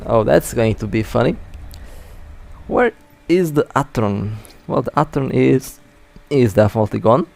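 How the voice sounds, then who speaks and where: A man with a gravelly, creaky voice gives loose live commentary over a space game. He has the hiccups, and his chatty narration keeps catching and restarting mid-word. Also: mid-range voice, animated, unhurried, pauses often, a little mellow. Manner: casual, chatty, self-correcting. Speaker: mobile space game player.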